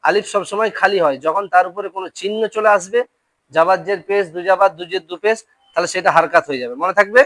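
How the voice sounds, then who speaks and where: A teacher leading a classroom Quran reading lesson, calling out Arabic letters and vowel syllables one by one for students to repeat. The voice sits at an ordinary middle pitch, and the sound is dry and close with little room echo. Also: quick pace, a bit bright. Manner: drills syllables aloud, often checks understanding. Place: classroom with a board.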